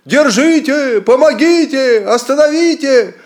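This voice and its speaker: Мужчина озвучивает жадного, высокомерного барина, повелительного и надменного. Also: male voice, sits high, big pitch swings, moderate pace, dark tone, pitched above the performer's own voice. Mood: panicked. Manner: haughty and commanding. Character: greedy pompous nobleman, arrogant then panicked.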